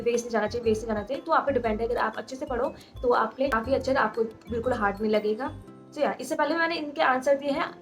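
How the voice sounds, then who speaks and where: Young woman in her twenties, fairly high voice, quick casual Q&A vlog delivery on a handheld phone, faint music underneath. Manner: talks fast, mixing in English words. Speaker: nursing graduate vlogger. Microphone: phone held in hand.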